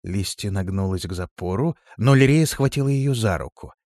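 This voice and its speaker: A man narrating an audiobook in a measured, expressive reading style. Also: lowish voice, dry recording, studio quality. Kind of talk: scripted narration.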